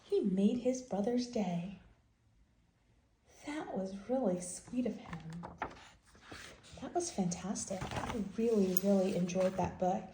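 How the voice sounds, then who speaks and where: With a medium pitch, a slow pace and frequent pauses, a woman reads aloud at bedtime to small children, using simple, emphatic phrases and guiding questions. The home recording is roomy and echoing, with a noisy background.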